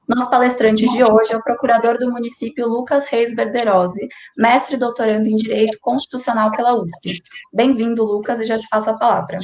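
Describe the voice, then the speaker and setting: A woman with a Brazilian Portuguese accent giving a formal, measured introduction as host of an online lecture. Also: a little high, fairly even intonation, a little mellow. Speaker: event host. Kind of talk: scripted introduction. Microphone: online stream. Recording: echoey room with faint noise.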